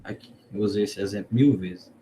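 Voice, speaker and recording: A man's voice: fairly low pitch, fairly quick, warm tone, slight background noise. A man with a Northeastern Brazilian accent teaching an online class in an informal way, asking the students questions and repeating words as he explains. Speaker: teacher of a cordel literature course.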